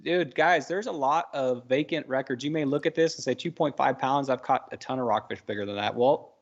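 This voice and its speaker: A man co-hosting a live fishing talk show, chatty and instructive, his voice a little worn. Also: medium pitch. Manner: chatty, instructive, quick asides. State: losing his voice. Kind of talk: casual live-stream chat. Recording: dull lo-fi stream audio.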